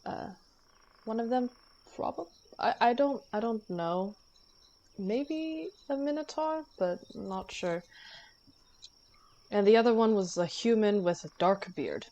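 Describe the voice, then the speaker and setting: A woman's voice: medium pitch, a little slow, long pauses, mellow, poor audio. A young woman playing her character in a tabletop game, speaking hesitantly with many fillers. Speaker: player.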